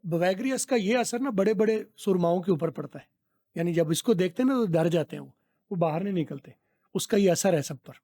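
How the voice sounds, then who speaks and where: A middle-aged man from Pakistan teaching spoken English, repeating phrases slowly to drill pronunciation. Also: sits high, animated, warm tone.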